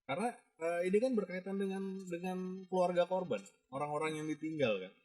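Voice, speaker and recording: A man's voice: sits high, brisk, darkish tone. A man on a podcast as a rescue-team guest, explaining things carefully with hesitant restarts. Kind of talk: casual chat.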